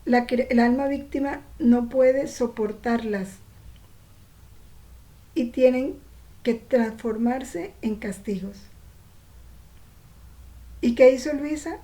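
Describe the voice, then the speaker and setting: Slow, mellow-voiced woman teaching devotion. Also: fairly high pitch. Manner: slow, reflective, poses rhetorical questions to listeners. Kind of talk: reading and commenting on a devotional text.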